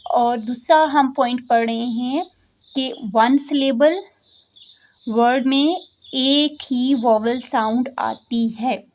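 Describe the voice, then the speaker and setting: A woman's voice: fairly high pitch, steady tone, a little hiss or hum. A woman teacher with a Pakistani accent, reading a textbook lesson line by line and explaining each part. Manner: reads English lines slowly and deliberately, then explains quickly.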